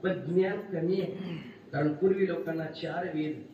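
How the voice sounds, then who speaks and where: A man with a rural Marathi accent preaching a kirtan sermon, telling humorous stories and breaking into sudden loud exclamations. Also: on the high side, fairly even intonation, moderate pace. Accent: Marathi rural Maharashtra. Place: large pavilion at a kirtan gathering. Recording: far-off echoey hall mic, slightly dull, noisy.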